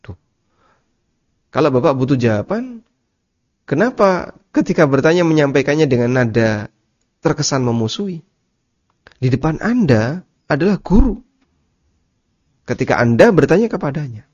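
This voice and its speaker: A man giving a religious study lecture, explaining slowly, repeating key terms and asking listeners rhetorical questions. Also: on the high side, animated, a little mellow. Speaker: Islamic teacher. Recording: dull lo-fi lecture recording.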